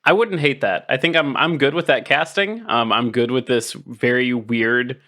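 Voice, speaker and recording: A man banters on a comedy podcast, asking teasing questions in halting, restarting phrases. His voice is bright and sits at an average pitch. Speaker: podcast co-host.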